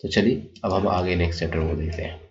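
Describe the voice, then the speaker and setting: A male teacher with a low, steady voice talks quickly as he walks students through their school syllabus, with slight background noise on a dull lo-fi recording. He explains warmly to the children, repeatedly checking in with "ठीक है," meaning "okay."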